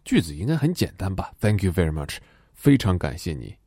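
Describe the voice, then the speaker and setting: A man teaching a pronunciation lesson, demonstrating sounds slowly and deliberately and joking along the way. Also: deep voice, sing-song, warm tone, husky, dry recording, clean studio sound.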